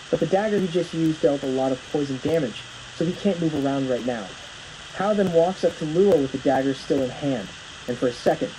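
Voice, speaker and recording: A man's voice: a little high, mellow, a little hiss or hum, low-quality recording. A man narrating a plot recap from a script, telling the story as it unfolds.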